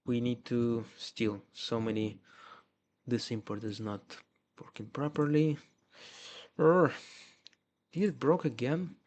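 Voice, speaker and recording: A man with a Russian accent talks through a live coding stream, half to his viewers and half to himself. His delivery is slow and halting, with a gravelly edge and frequent restarts. He sits mid-range in pitch. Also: dark tone.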